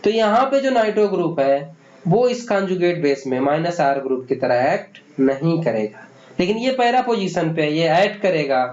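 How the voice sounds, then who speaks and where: High-voiced man teaching chemistry, echoey room. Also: expressive, normal speed, darkish tone. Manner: asks questions and answers them himself, calls students "beta". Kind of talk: exam-prep lecture. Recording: echoey room, dull lo-fi sound.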